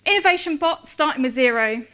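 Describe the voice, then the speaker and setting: High-voiced, chatty woman giving a talk. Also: brisk. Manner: lively, chatty, self-mocking. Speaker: conference speaker. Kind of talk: conference talk.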